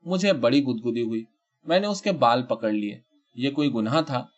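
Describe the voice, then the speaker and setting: A man's voice: medium pitch, lightly acted. A man lending his voice to a frightened woman who trembles and pleads through tears in an audio short story. The voice sits in an ordinary middle register and is captured on a dull, lo-fi recording. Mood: fearful.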